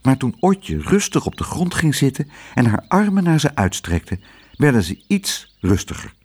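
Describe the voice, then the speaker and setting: A man reads a children's story aloud with a husky, breathy voice. His delivery is animated, rising and falling widely as he tells the tale. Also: mid-range voice, normal speed. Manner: expressive, animated reading.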